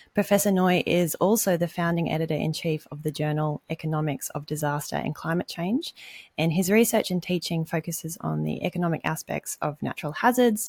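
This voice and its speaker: A woman with an Australian accent, reading a scripted podcast introduction clearly and evenly as co-host. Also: deep voice, darkish tone, no room sound.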